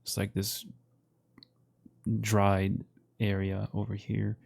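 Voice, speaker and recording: Low gravelly man chatting casually. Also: slow pace. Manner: relaxed, laughs often, says bro and dude. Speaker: podcast co-host. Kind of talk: casual chat while browsing a map.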